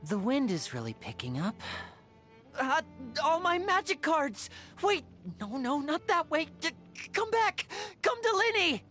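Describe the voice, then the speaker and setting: Lively, playful young magician Lyney. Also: female voice, sits high, measured pace, soft background music, exaggerated voice. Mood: alarmed. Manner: theatrical, teasing, smooth showman. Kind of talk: video game character voice lines.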